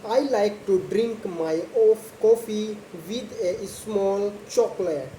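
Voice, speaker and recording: Very slow-talking woman, non-native English. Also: medium pitch, warm tone. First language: not English. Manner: very slow, deliberate talking with simple short phrases and long pauses. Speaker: host of a slow English speaking practice video. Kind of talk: slow spoken monologue about a daily routine for English learners. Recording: echoey room with faint background noise.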